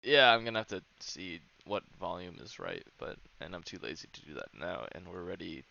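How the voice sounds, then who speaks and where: A young man co-hosting a casual podcast over a voice call on a wireless headset, loud and jokey. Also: low voice, very animated, a little fast, vocal fry. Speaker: podcast co-host. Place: at home on a voice call. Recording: muffled voice-call audio, faint noise.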